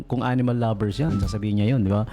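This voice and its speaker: A man's voice: lowish voice, fairly even intonation, quick pace, mellow, a little hiss or hum. A man hosting a late-night radio show, chatting casually and joking, mixing English into Tagalog and playfully mimicking cat calls. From Philippines. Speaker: radio DJ host. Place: radio studio. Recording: radio broadcast with music behind.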